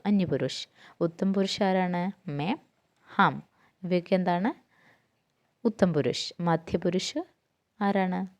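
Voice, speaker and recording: A woman's voice: fairly low pitch, a little mellow. A woman teaching a grammar lesson, asking herself questions and answering them, going through lists term by term.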